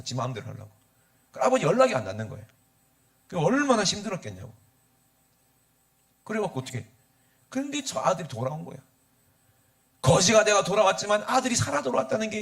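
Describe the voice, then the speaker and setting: A male pastor, preaching a sermon and calling for responses from the congregation. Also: fairly high pitch. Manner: animated, asks the congregation for responses.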